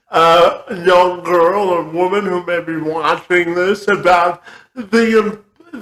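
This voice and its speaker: A man hosting an interview, asking halting questions with many fillers. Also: sits high, a bit bright, roomy sound, rough recording. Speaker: interview host.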